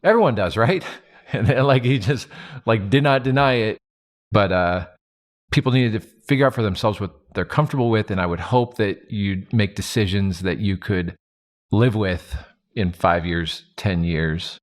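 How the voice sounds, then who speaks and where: Reflective man telling stories, low voice. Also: unhurried. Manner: reflective storytelling with many fillers and restarts. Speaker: podcast host and advantage player. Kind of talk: casual roundtable discussion.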